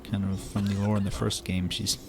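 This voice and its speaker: A man's voice: lowish voice, monotone, a little fast. A man hosting a let's play, giving casual, rambling lore commentary full of fillers. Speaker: gamer host.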